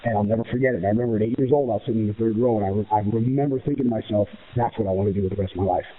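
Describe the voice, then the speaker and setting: Speaking very fast in a lowish, fairly even voice, an American professional wrestler fires off interview answers with emphatic self-assurance and strings of repeated phrases. The sound is muffled and narrow, like radio heard through a phone.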